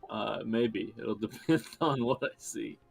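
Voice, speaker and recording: A man's voice: medium pitch, a little slow, creaky, faint music behind. A man playing a tabletop game, chatting casually and swearing now and then. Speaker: player.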